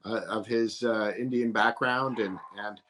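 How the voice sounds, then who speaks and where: Hesitant male guest, measured answers. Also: lowish voice, fairly even intonation, a bit bright. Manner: measured, hesitant, many fillers. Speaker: author guest. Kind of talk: interview answers.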